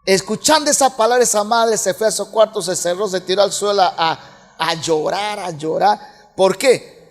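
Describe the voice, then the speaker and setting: A Peruvian man preaching as a pastor, moving between soft, low passages and loud, shouted peaks. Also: moderate pace. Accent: Peruvian Spanish. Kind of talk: sermon. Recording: hall reverb.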